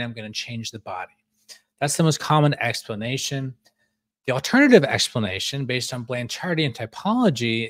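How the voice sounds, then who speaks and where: Halting man explaining to camera, dry close sound. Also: medium pitch, no echo. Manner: halting, stammering delivery. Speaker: video host. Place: small furnished room at home, indoors.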